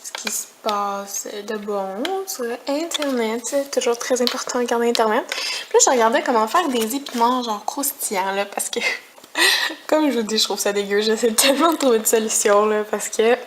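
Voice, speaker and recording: Young Quebec woman vlogger, a bit high-pitched, chatty and rambling, over dish and pan noise. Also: moderate pace. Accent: Quebec French. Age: young adult. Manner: chatty, rambling, disgusted complaints. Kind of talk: casual vlog chat.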